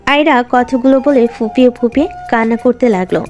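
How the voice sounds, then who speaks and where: A woman narrating a romantic audio drama story in a steady storytelling voice. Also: a little high, a little fast, dull audio, soft background music.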